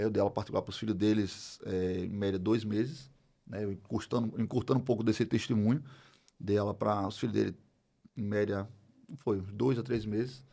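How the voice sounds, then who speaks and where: A middle-aged Brazilian man telling a personal story as a podcast guest, animated, acting out the dialogue as he goes. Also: lowish voice, vocal fry. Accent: Brazilian Portuguese. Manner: animated, acts out dialogue, many fillers. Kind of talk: storytelling in a casual interview.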